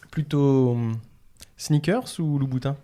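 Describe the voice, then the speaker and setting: A man's voice: medium pitch, slow pace, mellow. A man hosting a casual podcast, playfully quizzing his guest with either-or questions. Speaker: podcast host.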